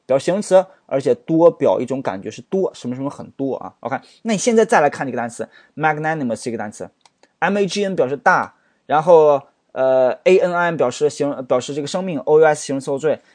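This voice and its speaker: A man's voice: a little high, a little mellow, no echo. A man teaching English vocabulary, explaining word roots, spelling words out letter by letter and firing off rhetorical questions. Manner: asks many rhetorical questions.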